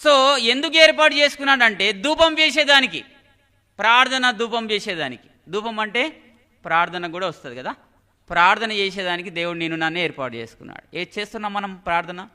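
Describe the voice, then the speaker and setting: A man's voice: high voice, animated, fairly quick, pushed and bright. A man preaching a sermon to a congregation, often turning to them with rhetorical questions. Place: church hall. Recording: long hall reverb.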